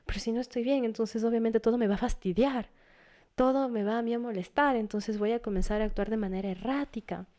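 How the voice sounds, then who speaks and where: A woman's voice: on the high side, a little fast, warm tone. A woman psychologist speaking as a guest, earnest and advising, who sometimes acts out what parents and teens might say. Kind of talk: casual interview talk.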